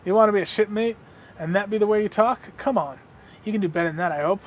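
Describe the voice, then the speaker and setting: A man's voice: high-pitched, pitched above the performer's own voice. Man putting on a mocking pirate quizmaster. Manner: pirate slang, slow and mocking. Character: gruff male pirate quizmaster testing newcomers. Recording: slightly dull lo-fi audio.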